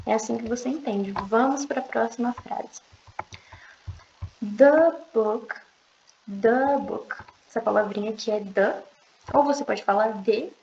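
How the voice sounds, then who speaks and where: A young woman teaching an online language lesson, explaining patiently and repeating slow, drawn-out pronunciation examples. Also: fairly high pitch, creaky, darkish tone, a little hiss or hum. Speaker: English teacher. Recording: echoey room, dull lo-fi sound.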